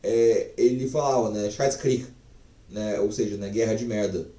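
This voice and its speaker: A man's voice: on the low side, measured pace, warm tone, roomy sound, distant mic. A man teaching a casual online language lesson, chatty and profane, full of fillers.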